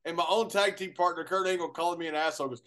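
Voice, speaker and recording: A man guest telling a lively story in casual chat, often laughing as he talks. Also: on the high side, very fast. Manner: lively anecdote teller, laughs through stories. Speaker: former wrestler guest.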